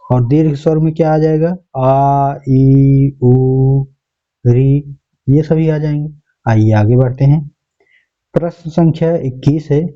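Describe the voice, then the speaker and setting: A man's voice: mid-range voice, mellow. A male teacher working through an exam paper step by step, often repeating answers and checking in with the class. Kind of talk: exam paper walkthrough lesson. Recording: dull lo-fi recording.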